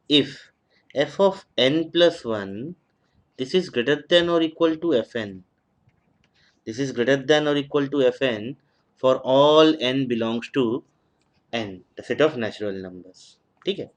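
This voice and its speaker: Slow, dictating male maths lecturer. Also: medium pitch. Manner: mixes Hindi and English, dictates slowly, repeating each phrase. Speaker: mathematics lecturer. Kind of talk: recorded online lecture, dictating notes.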